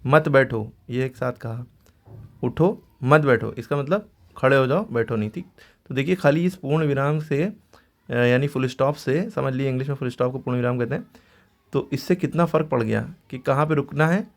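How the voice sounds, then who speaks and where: Man, gravelly voice, teacher, patient grammar lesson, repeats himself to check understanding. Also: medium pitch, a little fast. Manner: patient, repeats "ठीक है" often. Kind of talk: explaining grammar to students.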